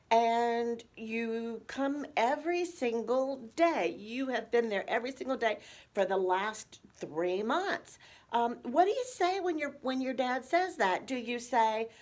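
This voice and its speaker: A nurse speaks to caregivers in a fairly high, conversational voice. She walks through examples and poses rhetorical questions as she teaches. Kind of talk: instructional talk to caregivers.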